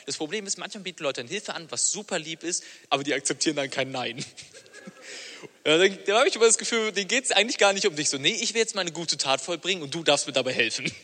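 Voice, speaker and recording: A man doing stand-up, chatty and quick to laugh at his own story, jumping into the voices of the people in it. His tone is bright and forceful, with a long reverb trailing off each line. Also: on the high side, expressive. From Cologne. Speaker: stand-up comedian. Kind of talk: stand-up comedy.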